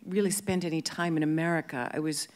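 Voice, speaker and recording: In this on-stage festival interview, the guest actress, a woman in her fifties who was born in England and grew up in Canada, talks fast in a deep voice with fairly even intonation. She holds a handheld mic and keeps hesitating, restarting and using fillers in front of the audience.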